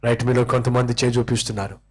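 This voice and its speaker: Animated male pastor preaching. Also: medium pitch, racing, breathy edge. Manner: animated, questions the congregation directly. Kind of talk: sermon with storytelling. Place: church, preaching to a congregation.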